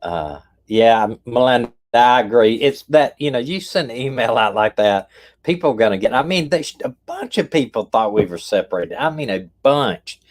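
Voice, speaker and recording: Southern guy, middle-aged, relaxed teasing chat on a live stream. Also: medium pitch, normal speed. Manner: easygoing, teasing banter.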